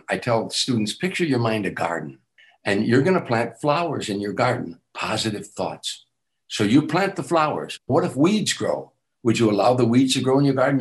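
A man's voice: mid-range voice, poor audio. An older man, an author and teacher, giving an earnest motivational talk in an interview, repeating affirmations with emphatic lifts on key phrases. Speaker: guest speaker, author and teacher.

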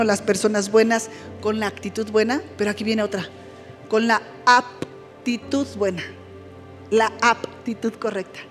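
A woman's voice: on the high side, in a large hall. A woman pastor preaching a conversational sermon, often checking that listeners follow.

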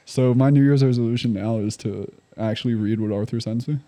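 A man's voice: medium pitch, fairly quick, warm tone. A man in his twenties chatting casually with a friend, slangy and joking, with some swearing. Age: 20s. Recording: faint heater hiss in background.

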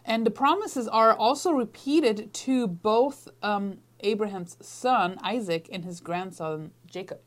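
Woman Bible teacher, unhurried and measured, speaks in short phrases for an interpreter. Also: mid-range voice. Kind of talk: Bible lesson with consecutive interpreting.

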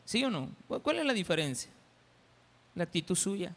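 A man's voice: high-pitched, big pitch swings, normal speed. A male pastor with a Salvadoran accent preaching a sermon in a church, folksy and teasing as he acts out little everyday scenes. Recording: church hall reverb.

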